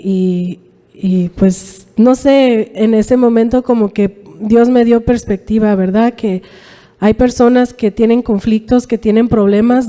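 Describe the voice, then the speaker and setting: A woman's voice: mid-range voice, warm tone. A woman giving a personal testimony in church, speaking conversationally in with many fillers and tag questions. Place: church sanctuary. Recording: reverberant church hall.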